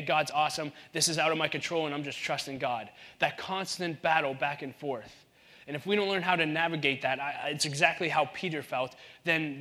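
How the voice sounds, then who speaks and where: A man in his thirties preaching a sermon in an animated way, acting out the voices in the Bible story. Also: a little high. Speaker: pastor.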